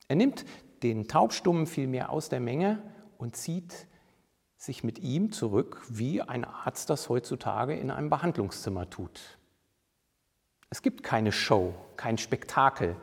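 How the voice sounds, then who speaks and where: A man giving a measured, deliberate sermon and reading scripture with emphasis. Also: mid-range voice, darkish tone, husky, big-room sound. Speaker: preacher.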